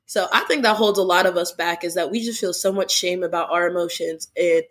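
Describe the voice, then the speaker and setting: A woman's voice: on the low side, fairly even intonation, brisk. A young adult woman hosting a podcast, talking in an earnest, casual way full of "like" fillers. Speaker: podcast host. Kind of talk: casual chat.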